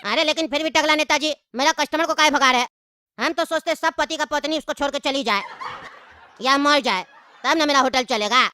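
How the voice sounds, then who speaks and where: A woman's voice: high voice, fairly quick, noisy background, natural voice. A woman voicing a smug, scheming male hotel owner who fawns over customers. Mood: sly. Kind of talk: cartoon voice acting.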